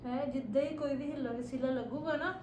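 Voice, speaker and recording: A woman's voice: high-pitched, fairly even intonation, quick pace, a little mellow, echoey room, dull audio, a little hiss or hum. A woman in an amateur short-film drama, speaking in a coaxing, affectionate, teasing way. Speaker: sister-in-law in a short film.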